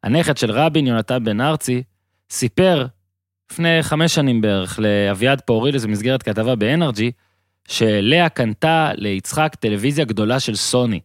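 A man narrating his own written column for a podcast in a measured storytelling way, dropping quieter on quoted lines. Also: medium pitch, dry recording, studio quality. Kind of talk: scripted narration.

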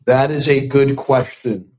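Recorded in low quality, a young man whose first language is Italian answers podcast interview questions as a venture capital investor guest. He sounds thoughtful, with a mid-range, slightly mellow voice, fairly even intonation and an unhurried delivery, and he often repeats words when starting sentences.

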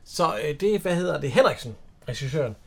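A man's voice: fairly high pitch, animated, creaky, noisy background. A man with a Danish accent casually retelling a film in conversation, hesitating and searching for words.

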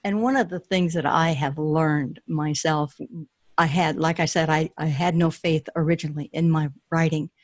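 A woman's voice: deep voice, steady tone, moderate pace, dry recording, studio quality. A woman author answering interview questions with enthusiasm, often restarting her sentences, then reading her children's story aloud.

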